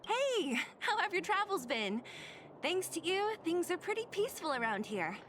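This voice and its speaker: In this game audio, a woman uses a very high, fully acted character voice at normal speed to play a blunt, restless young woman who grumbles wearily. Steady noise runs in the background throughout.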